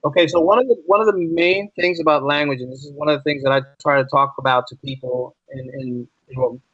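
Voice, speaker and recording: Fast and on the high side, with a somewhat bright voice and a breathy edge, an American man who teaches is interviewed as a podcast guest. He's emphatic and conversational, using repetition for stress and rhetorical questions; the dry recording sounds slightly dull with very little room sound.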